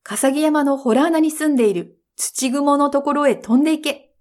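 A brave young hero from an old storybook speaks with easy confidence and barks firm commands, as a woman reads him. The voice stays fairly high. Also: normal speed, darkish tone, close to an everyday voice. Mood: commanding.

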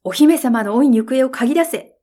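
A brave young hero from an old storybook speaks with easy confidence and barks firm commands, as a woman reads him. The voice stays fairly high. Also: animated, normal speed, mellow. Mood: commanding.

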